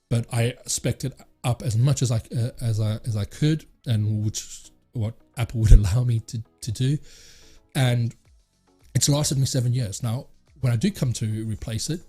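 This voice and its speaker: A man hosts a casual tech chat, his voice warm and a little raspy. He rambles, stumbles over words and fills pauses with "uh" as he talks, while soft music sits faintly under him. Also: mid-range voice. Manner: rambling, many fillers and restarts. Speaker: tech channel host. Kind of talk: casual talk to camera.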